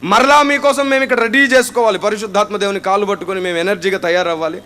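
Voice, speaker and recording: A man's voice: high-pitched, steady tone, fast, sharp tone. A man with a Telugu accent preaching a sermon, firing rhetorical questions at the congregation and acting out their prayers in dramatic voices.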